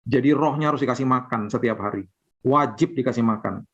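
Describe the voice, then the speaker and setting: A man pastor preaching casually over a video call, rising in pitch when he acts out people's complaints. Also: brisk. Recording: dull lo-fi video call audio.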